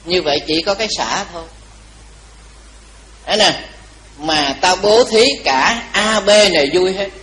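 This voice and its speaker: A man preaches to a temple audience in a lively, conversational storytelling manner. His voice sits high and carries a slight weariness. A faint background noise runs under the recording. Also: measured pace, long pauses, rough recording. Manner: animated, chatty storytelling to an audience. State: a little tired. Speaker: Buddhist monk giving a dharma talk. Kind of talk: storytelling sermon.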